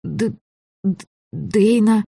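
An audiobook reader voicing a frightened runaway girl who pleads in a high, tearful voice. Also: expressive, moderate pace, mellow, lightly acted. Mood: pleading.

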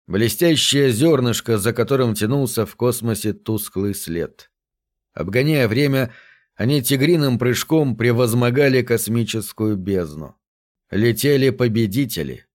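A man reading a science fiction story aloud as narrator, steady and measured. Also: mid-range voice. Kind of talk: audiobook narration.

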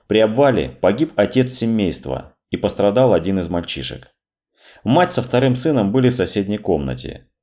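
A man narrating a dramatic story as an audiobook reading, with expressive storytelling. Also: fairly low pitch.

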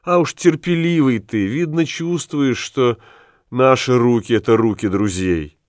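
A man reading an audiobook, voicing a kind-hearted peasant mother who speaks softly and coaxingly, lifting his pitch a little for her. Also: lively intonation, measured pace, no room sound, studio quality.

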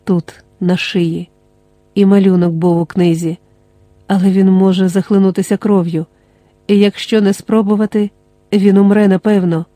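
An audiobook reader voicing a desperate young man who mutters tense, halting words to himself, in a dry, close recording. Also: sits high, flat delivery, mellow, no room sound, lightly acted. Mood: muttering.

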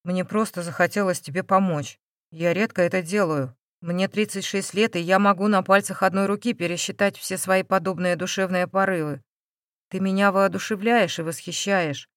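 A woman voicing a gentle, reassuring man. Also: fairly low pitch, steady tone, moderate pace, no echo, clean studio sound, natural voice. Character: calm, caring man in his thirties. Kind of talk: audiobook character voice.

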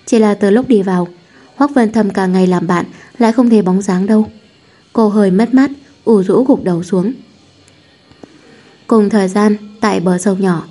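A woman reading a romance novel aloud at home, in a calm, even storytelling manner. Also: mid-range voice, husky. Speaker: audiobook narrator. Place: home room, poorly soundproofed.

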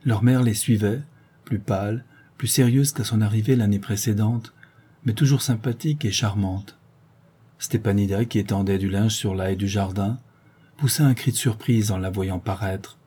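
A man reading a classic novella aloud as narrator in a measured, literary way. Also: fairly low pitch, dark tone, husky.

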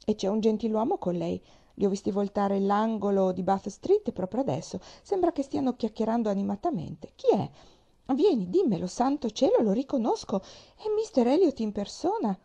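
A fretful young wife bursts out in high, urgent exclamations and keeps pressing her point, as a woman reading a novel aloud puts her on. Under the raised pitch the voice stays dark and mellow, with a gravelly edge. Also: animated, normal speed. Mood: excited. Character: fretful excitable young wife, shrill and insistent.

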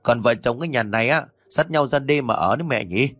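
A man narrating a story and voicing a cruel middle-aged daughter-in-law who scolds and shouts venomously. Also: mid-range voice, brisk, no echo, soft background music, natural voice. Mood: venomous scolding.

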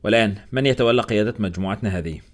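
A man's voice: fairly low pitch, rapid-fire, close to an everyday voice. A man voicing a blunt, curt and cold expedition doctor in an audiobook. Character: Anderson, a brusque blunt blond male expedition doctor.

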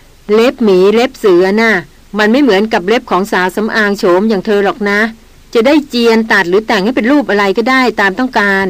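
A woman's voice: mid-range voice, brisk, no echo, natural voice, rough recording. A woman reading the part of a young man who drawls and lectures teasingly in an audiobook. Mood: mocking.

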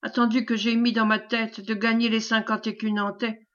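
A woman's voice: a little high, flat delivery, normal speed, a bit bright, natural voice. A woman reading the part of a sly, mock-humble male peasant informer, in a wheedling manner, on a dull lo-fi recording.

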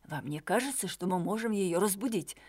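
A woman's voice: medium pitch, lively intonation, darkish tone, slightly rough. A woman voicing a determined male detective in an audiobook, speaking firmly and insistently. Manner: firm, insistent, measured.

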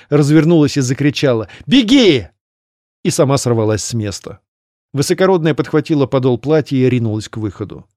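A man narrating a fantasy audiobook in an even, measured storytelling manner. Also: medium pitch, no echo, studio quality.

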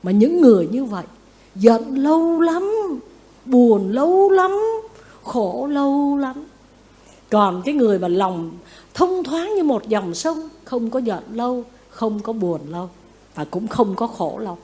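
A Buddhist nun giving a lively dharma talk, often asking her listeners questions and acting out what people say. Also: on the high side, unhurried. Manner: lively, asks the audience questions, acts out quotes. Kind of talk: sermon.

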